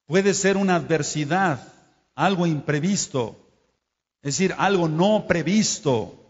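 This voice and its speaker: A man preaching a Torah study sermon, scolding and speaking straight to his listeners, and stopping to spell out and explain Hebrew terms. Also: on the high side. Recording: dull lo-fi sound in a reverberant hall.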